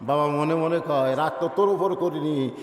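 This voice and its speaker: Male preacher, high-pitched, theatrical storytelling sermon with shouts and chanting, heard through a loudspeaker in a reverberant hall. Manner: dramatic, acts out dialogue, swings from loud shouts to low murmurs, drawn-out chanting. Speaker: Islamic preacher. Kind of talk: Bengali waz sermon with storytelling. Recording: echoey hall with long reverb.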